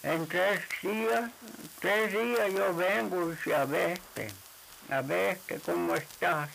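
A man telling a folk tale in an unhurried, repetitive way, tagging nearly every quoted line with "le dijo". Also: sits high, creaky, a bit bright, a little hiss or hum, low-quality recording. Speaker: storyteller.

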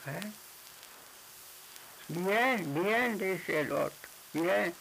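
A man tells a folk tale slowly in a high, gravelly voice. He circles back over each line, tagging quotes with "le dijo". A faint hiss sits under the recording. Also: expressive, a bit bright, poor audio. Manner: repetitive, unhurried, with constant "le dijo" tags. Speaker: storyteller. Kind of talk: oral folk tale telling.

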